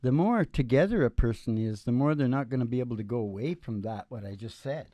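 Brisk and expressive, a man in his sixties with a warm, medium-pitched voice hosts a show as a musician from a small curtained indoor stage. His laid-back, folksy storytelling meanders, drifting into asides that fade out. Recorded close on a stand mic with no room sound, he talks over live acoustic guitar picking.

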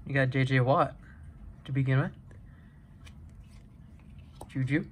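A young man casually vlogging a card break, reading out player names and getting excited over good pulls. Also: medium pitch, slow, a little hiss or hum. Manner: excitable, chatty, reads player names off cards one by one. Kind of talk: casual card-opening vlog.

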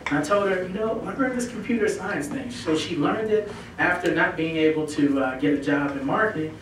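A fairly high-pitched man in his thirties from Chicago, a film festival founder, speaks a little fast as a guest at a club's lunch meeting. He's earnest and conversational, with many ums, picked up by a distant mic in a very echoey room with background noise.

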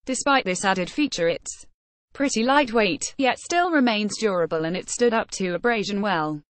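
A woman's voice: medium pitch, expressive, normal speed, no echo. A woman reading out a product review in scripted narration, saying ratings and web addresses word for word.

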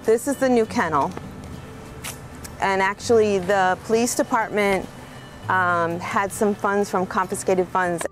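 A woman's voice: medium pitch, steady tone, unhurried. Chatty woman in an echoey kennel. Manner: chatty, enthusiastic, conversational. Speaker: animal rescue volunteer administrator. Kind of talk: on-camera interview and tour. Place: small indoor kennel room. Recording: echoey room with music under it.

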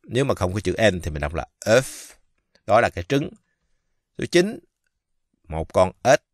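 A man from Vietnam giving a casual pronunciation lesson, speaking slowly and haltingly with many fillers and drawing out the example words. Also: low voice, very animated, no echo, studio quality. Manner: slow, halting, many fillers, repeats French words drawn out. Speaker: French teacher.

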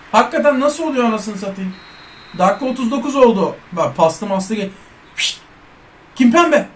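A man giving loud, excitable gameplay commentary, joking in first person as an overweight footballer and cursing at his teammates. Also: high voice, slight background noise. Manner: loud, excitable, trash-talks and curses at teammates. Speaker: gaming YouTuber.

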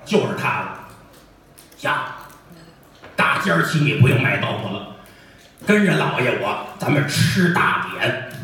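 A man with a Beijing accent voicing a pompous old Qing official who speaks slowly and self-importantly, on an echoey stage recording. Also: mid-range voice, sing-song, bright, forceful tone, voice pushed down. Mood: scheming. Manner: slow, drawn-out, self-important. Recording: echoey stage audio from far off.

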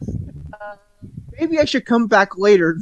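A man's voice: high-pitched, very animated, slow pace, muffled recording. A man playing in a tabletop game, talking in a hesitant way with chuckles and frequent restarts. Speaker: player. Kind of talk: in-character tabletop play.

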